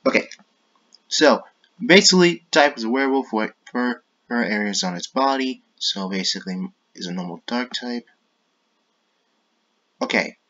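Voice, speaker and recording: On his YouTube gaming channel, a man rambles in a casual way, frequently cutting himself off mid-thought with apologetic asides before changing course. His mid-range, fairly bright voice moves at a moderate pace with frequent pauses, and the recording is muffled.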